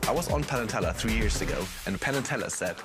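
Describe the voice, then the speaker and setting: A man's voice: fairly low pitch, expressive, fast talker. A man, a magician, introducing himself and his work in a scripted interview style. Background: loud music.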